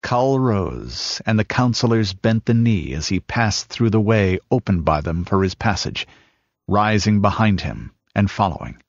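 A man's voice: lowish voice, big pitch swings, no room sound. Man narrating a sword-and-sorcery audiobook. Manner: measured dramatic reading, building in the battle scenes. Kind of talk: scripted narration. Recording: dull lo-fi audiobook recording.

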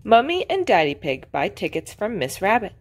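Woman preschool teacher, storybook read-aloud, very lively pitch, medium voice. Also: moderate pace. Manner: expressive, sing-song reading to children.

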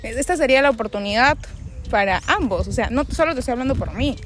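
A woman's voice: fairly high pitch, animated, fast talker, a little hiss or hum. Young woman coaxing her partner outdoors. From Peru. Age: young adult. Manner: coaxing, pleading, then indignant. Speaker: prankster girlfriend. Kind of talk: street prank conversation. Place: outdoor park. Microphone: handheld mic.

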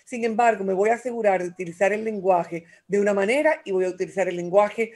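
A woman, talking as a guest expert on communication in an animated, expressive way and acting out quotes. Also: medium pitch, fast talker. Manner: animated, acts out voices and quotes. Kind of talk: radio talk show conversation.

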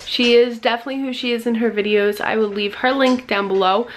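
A woman's voice: on the high side, fairly even intonation, a little fast, slight background noise, rough recording. A young woman talking casually to the camera as a vlogger, rambling and chatty with frequent fillers. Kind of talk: casual vlog chat.

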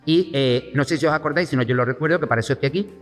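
Lively storytelling man, roomy hall sound. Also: on the high side, racing, soft background music. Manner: lively storyteller, acts out quoted voices. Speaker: talk show guest. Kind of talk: animated anecdote telling.

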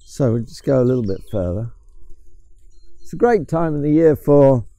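An older Englishman, a mushroom forager guide, chats casually about wild plants and mushrooms as he walks through woodland, sometimes hesitating and restarting. His mid-range voice is warm and animated, at a normal speed. The recording is dry.

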